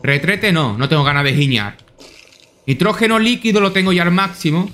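Young spanish guy gaming, cursing a lot, high bright voice. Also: normal speed. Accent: Spain Spanish. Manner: excitable, swears a lot, talks to himself. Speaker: gameplay streamer. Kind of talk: casual gameplay commentary.

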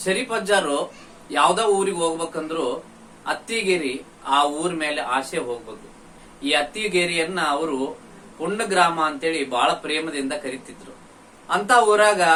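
Bright high-voiced man explaining a song. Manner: breaks into slow singing of the verses. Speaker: teacher of devotional folk songs. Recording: distant mic with faint background noise.

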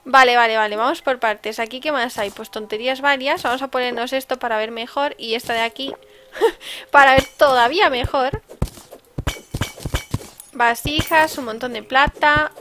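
A woman with a Spain Spanish accent gives casual, chatty gameplay commentary and breaks into sudden excited exclamations. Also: high voice, moderate pace, a little hiss or hum. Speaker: let's-play host.

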